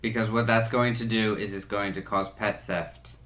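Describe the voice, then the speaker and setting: A young man with a low voice co-hosts a casual podcast in an echoey room. He explains his points in a measured, steady way. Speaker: podcast co-host. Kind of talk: casual chat.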